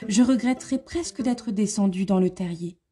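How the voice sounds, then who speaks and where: A woman's voice: mid-range voice, normal speed, dark tone, soft background music, lightly acted. A woman voicing a curious young girl in a storybook reading, musing aloud to herself in a wondering tone.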